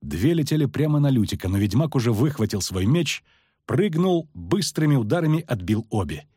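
Expressive male narrator, husky, lively intonation. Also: moderate pace, no echo, studio quality. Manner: expressive, dropping low and quiet for tension. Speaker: audiobook narrator. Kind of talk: dramatic fantasy audiobook narration. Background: faint background music.

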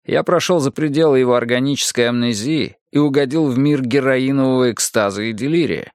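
A man reading an audiobook, voicing a shaken middle-aged psychiatrist who talks tensely and haltingly. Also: mid-range voice, no room sound, clean studio sound, natural voice.

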